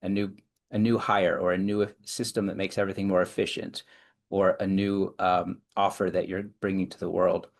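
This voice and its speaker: Deep-voiced man explaining productivity methods. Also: flat delivery. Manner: measured, explains in long chains of clauses with frequent restarts. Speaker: clinical psychologist and executive coach, guest. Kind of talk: explanatory interview talk.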